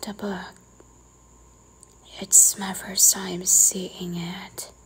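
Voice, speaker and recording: Woman playing a slow-whispering strict librarian, whispered role-play. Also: medium pitch, flat delivery, slight background noise. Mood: hushed, probing. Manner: whispering, slow and deliberate, like a librarian quietly scolding. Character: strict, teasing librarian gently scolding a careless visitor.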